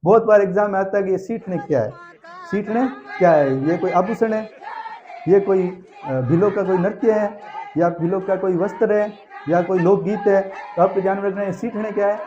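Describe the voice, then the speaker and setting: A man's voice: sits high, moderate pace, crowd noise, noisy background. A male teacher, telling a story to teach exam facts and drilling key answers by repeating them. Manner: animated storyteller who acts out aunts and sings snatches of songs. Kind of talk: exam-prep lesson with storytelling. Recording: slightly dull lo-fi recording.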